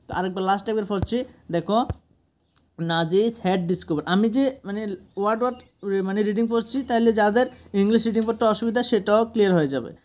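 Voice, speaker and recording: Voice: mid-range voice, darkish tone. Bangladeshi teacher explaining English word by word. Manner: explains each word slowly, often asks "ঠিক আছে?". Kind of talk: classroom lesson explaining an English text.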